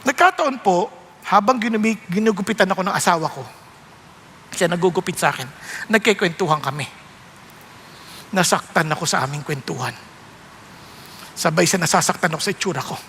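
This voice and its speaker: A male pastor with a Filipino accent preaching a sermon, switching between Tagalog and English and jumping up high for emphasis. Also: expressive, a little fast, long pauses, a bit bright, big-room sound, a little hiss or hum.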